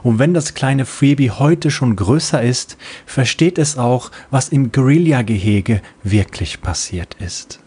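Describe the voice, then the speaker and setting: Male audiobook narrator, playful storyteller, lively pitch, unhurried. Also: slightly rough.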